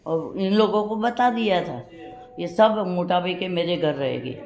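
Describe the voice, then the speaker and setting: A woman's voice: fairly low pitch, expressive, measured pace, darkish tone. An older woman telling her life memories in a rambling storytelling way, acting out what other people said, recorded in a hospital room. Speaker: interviewee recalling her past. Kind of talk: personal memoir storytelling. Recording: roomy recording with crowd noise.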